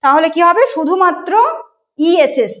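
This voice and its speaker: High-voiced woman teaching grammar. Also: moderate pace, a bit bright. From Bengal. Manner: explains step by step, often says "ঠিক আছে"; spells words out letter by letter. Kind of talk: exam-prep grammar lesson.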